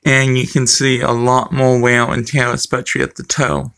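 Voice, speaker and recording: Male vlogger, middle-aged, gravelly, speech impediment affecting R and W, rambling informal delivery. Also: medium pitch, flat delivery, moderate pace, a bit bright. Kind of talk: casual talk to camera. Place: small room at home. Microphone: webcam or phone close to face.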